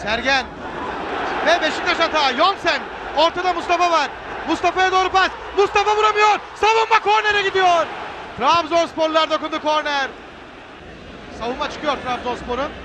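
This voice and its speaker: A man calling a football match live on television, excited and breaking into screamed goal calls. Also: very high-pitched. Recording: noisy 1990s broadcast, loud stadium crowd. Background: roaring stadium crowd.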